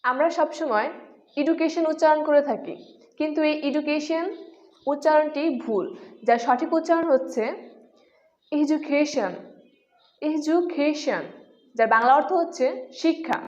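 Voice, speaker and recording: Brief: woman teacher, high pitch, muffled lo-fi audio. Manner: slow, deliberate repetition of words. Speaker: English pronunciation teacher. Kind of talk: scripted lesson narration. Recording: dull lo-fi sound.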